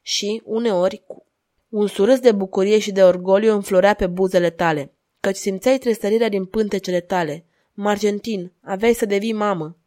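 A woman's voice: mid-range voice, mellow, natural voice. Woman voicing a relentless cold duchess. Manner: insistent, measured, unsparing.

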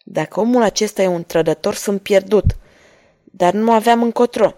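Woman doing a young male cavalier, brisk, wry, commanding, storybook reading. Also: medium pitch, mellow, lightly acted. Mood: tense.

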